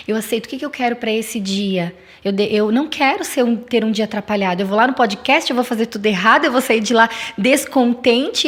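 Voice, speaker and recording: A woman speaks as a guest in a casual podcast chat, with a voice pitched a little high. She tells a story with feeling and makes firm, faith-filled declarations. Her voice comes through a close studio mic.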